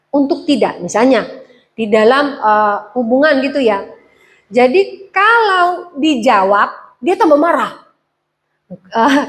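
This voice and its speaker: Woman preacher, light high voice, chatty teaching sermon with asides to the pews. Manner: conversational, asks the congregation questions, laughs at her own jokes. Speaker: pastor.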